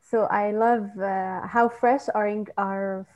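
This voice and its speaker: A Lebanese woman, a native Arabic speaker with a Lebanese accent, answers interview questions over a video call, earnest and a bit hesitant. She's a student ministry coordinator whose medium-pitched voice is steady, slow and a little mellow. The sound is lo-fi.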